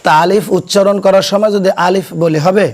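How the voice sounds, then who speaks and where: A man teaching children to pronounce Arabic letters, explaining slowly and quizzing his pupils so they repeat after him. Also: high-pitched, fairly even intonation. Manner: asks questions and has pupils repeat; slow, deliberate explanation. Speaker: Quran teacher. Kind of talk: classroom recitation lesson. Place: madrasa classroom.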